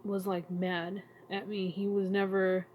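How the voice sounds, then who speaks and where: A woman talking to her channel in a casual, emotional vlog, halting and searching for words as she grows tearful. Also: mid-range voice, level tone, narrow, tinny audio, slight background noise. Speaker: vlogger. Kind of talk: casual heartfelt vlog talk.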